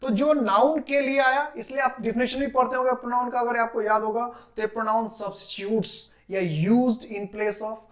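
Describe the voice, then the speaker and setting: A man teaching English grammar in a classroom lecture. He asks questions, answers them himself and repeats key terms slowly. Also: extremely high pitch, fairly even intonation, fairly bright tone. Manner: drills terms with repetition.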